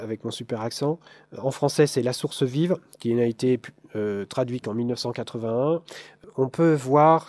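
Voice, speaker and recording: A man from France gives a talk to a live audience, his voice mellow and darkish. He hesitates a lot, fills pauses and restarts his sentences, and throws in dry asides to the audience. The sound is close and dry. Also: medium pitch, dry recording. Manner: hesitant, many fillers and restarts. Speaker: lecturer. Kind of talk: live conference talk with slides.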